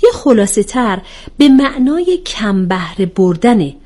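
A woman voicing a calm young woman who patiently explains things in a storybook reading. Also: medium pitch. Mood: explaining.

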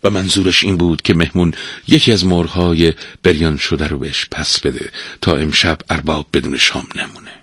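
A man narrating a storybook aloud, expressive and lively. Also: a bass voice, slightly rough, no room sound.

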